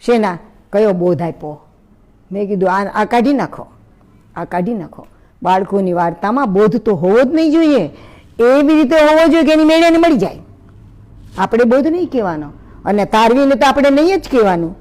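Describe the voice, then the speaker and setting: A woman giving a storytelling talk to an audience, lively and speaking straight to her listeners. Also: on the high side, brisk. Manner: lively, acts out story voices, addresses listeners directly.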